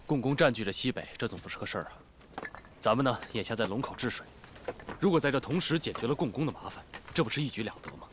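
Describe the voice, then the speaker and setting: An actor playing an earnest, stern young leader of labourers in an ancient-set TV drama. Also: male voice, medium pitch, lively intonation, fast, fairly bright tone, slight background noise, natural voice. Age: young adult. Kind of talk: television historical drama dialogue.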